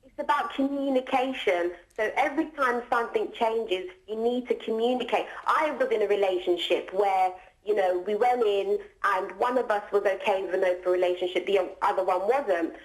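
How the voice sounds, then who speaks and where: A woman's voice: mid-range voice, moderate pace, hardly any pauses, rough recording. Argumentative woman radio show caller. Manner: earnest, argumentative, explaining. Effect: caller on a radio phone-in.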